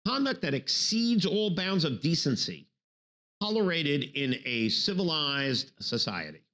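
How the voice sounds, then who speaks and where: New guy lecturing on law, jokey, slightly high voice, acts stuff out. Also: sing-song, a little slow, bright, forceful tone. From New York City, Brooklyn. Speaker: law professor. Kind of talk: recorded bar review lecture.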